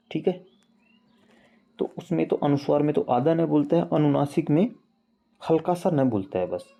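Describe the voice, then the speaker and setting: A man teaching Hindi grammar in a casual online lesson, explaining slowly and repeating examples as he addresses viewers as friends. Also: a little high, creaky, dark tone. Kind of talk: casual screen-share lesson.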